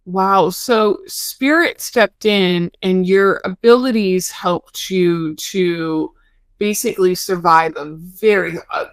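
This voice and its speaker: A woman host speaks with a smooth, resonant voice as she affirms her guest and asks more questions. The sound is dry and close. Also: lowish voice, slow, dry recording. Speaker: podcast host. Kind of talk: conversational interview.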